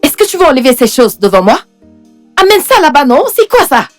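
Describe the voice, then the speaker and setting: A woman's voice: sits high, very animated, a little fast, no room sound, soft background music. A woman playing a haughty, short-tempered young mistress of the house in a dubbed film drama, indignant, scolding and repeating herself. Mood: scornful, irritated.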